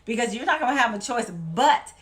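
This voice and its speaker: A woman's voice: on the high side, expressive, fairly quick. A woman from Louisiana, giving an emphatic, folksy motivational talk as a weight-loss vlogger.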